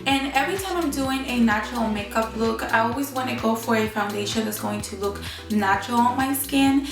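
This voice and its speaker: Fairly quick and somewhat high-pitched, this woman is a beauty vlogger talking casually through a makeup tutorial while nursing a bad cold that makes her sound nasal, stuffy, and honking. The recording has a roomy echo, with background music.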